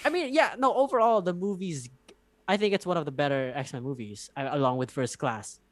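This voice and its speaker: A man's voice: fairly high pitch, a little fast, dry recording. Rambling young man, dry close mic. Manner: rambling, animated, swears freely. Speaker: podcast co-host. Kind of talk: casual chat.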